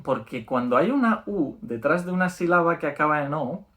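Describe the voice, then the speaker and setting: A man's voice: fairly high pitch, animated, a bit bright. Upbeat Spanish man teaching a lesson. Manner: explanatory, repeats words slowly and checks in with "¿vale?". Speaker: language teacher. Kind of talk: video lesson.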